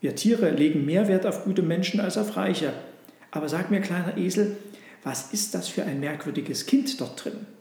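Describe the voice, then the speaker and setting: A man's voice: sits high, normal speed, creaky, a little mellow, voice pushed up. A man voicing a curious, polite camel in a storybook, asking questions in an inquisitive, slightly puzzled way. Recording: roomy echo.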